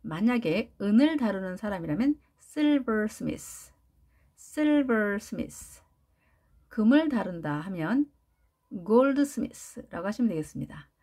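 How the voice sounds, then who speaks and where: A Korean woman leads a pronunciation lesson, drilling each word again and again. She speaks slowly, and her pitch rises and falls in a lively way as she marks the stressed syllables. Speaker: English pronunciation teacher.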